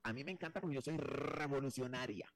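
A man's voice: medium pitch, animated, fairly quick, no echo. A man hosting a talk show, teasing his co-host in a flamboyant, chatty way with many restarts. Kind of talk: playful talk-show banter.

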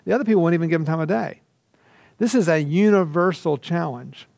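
Animated man lecturing. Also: fairly high pitch, a little fast, creaky, no room sound, clean studio sound. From Georgia, USA. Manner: animated storytelling with asides. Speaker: teacher. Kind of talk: recorded lecture.

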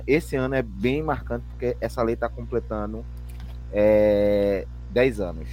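A man's voice: lowish voice, dark tone. A man with a Brazilian Portuguese accent hosting an interview, polite, often restarting and rephrasing as he asks questions. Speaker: interviewer and host.

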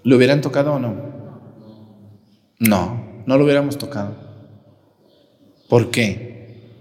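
A man's voice: mid-range voice, slow pace, darkish tone. A man with a Mexican accent, a priest giving a sermon who keeps turning to ask the congregation direct questions. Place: church. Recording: reverberant church hall.

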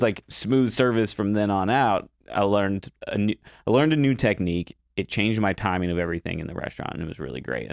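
A man's voice: sits low, no room sound, clean studio sound. A young man telling a kitchen story in casual talk, acting out his panic in a raised voice. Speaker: guest chef.

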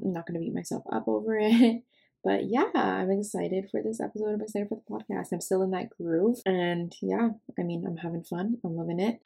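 A woman's voice: lowish voice, vocal fry, warm tone. A woman in her twenties hosting a podcast, chatting casually with lots of filler words. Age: 20s. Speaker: podcast host.

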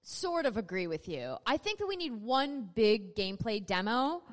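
Higher-voiced American woman hosting in an echoey hall. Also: sing-song, moderate pace. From North Dakota, USA. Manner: chatty, joking, addresses the audience. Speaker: panel host. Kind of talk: casual live panel discussion. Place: large convention panel room with live audience. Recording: echoey hall, live panel PA.

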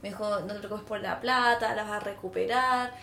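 A woman's voice: mid-range voice, fairly even intonation, brisk, vocal fry, pushed and bright, faint music behind. A young woman with a Chilean accent, co-hosting a podcast and telling a story in casual chat, acting out quoted dialogue and swearing casually. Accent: Chilean Spanish. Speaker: podcast co-host. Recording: echoey room.

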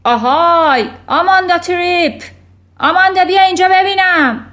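A woman's voice: on the high side, natural voice. A woman voicing a furious, bullying giant of a headmistress who roars her orders. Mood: roaring. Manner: roaring, shouting.

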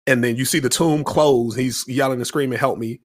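A laid-back man chatting on a podcast, his stories rambling and loosely strung together. His pitch sits in a middling range. The sound is dry and close, with no room around it. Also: fairly even intonation, a little fast, dry recording. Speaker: podcast co-host. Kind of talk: casual chat.

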